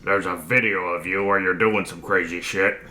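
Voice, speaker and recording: A man voicing a blunt, smirking male janitor with a gruff, low delivery. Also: fairly even intonation, moderate pace, pushed and bright, reverberant. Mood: smug.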